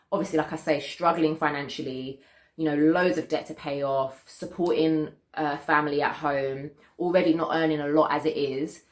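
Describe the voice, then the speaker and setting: British woman, low pitch, echoey room, casual monologue, emphatic, indignant, repetitive for stress. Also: a bit bright. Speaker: vlogger telling a personal story. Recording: roomy echo.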